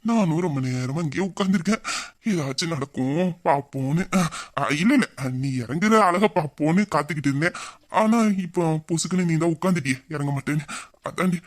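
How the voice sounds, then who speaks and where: Young man as a teasing husband, fairly high voice, smug and mock-sad. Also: a little fast, close to an everyday voice. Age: young adult. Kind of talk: audio drama acting.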